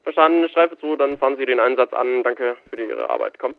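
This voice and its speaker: A man's voice: mid-range voice, fairly quick, slight background noise. A man playing a police officer in a game roleplay, answering over a walkie-talkie in matter-of-fact radio procedure. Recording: thin, phone-like radio line.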